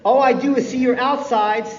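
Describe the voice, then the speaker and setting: A man's voice: very high-pitched, steady tone, normal speed. A middle-aged man from California gives a blunt, profane, impassioned recovery talk to a convention crowd, repeating lines for emphasis. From California, USA. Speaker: guest speaker at a recovery convention. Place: large convention hall. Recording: echoey hall, distant, dull lo-fi, faint hiss.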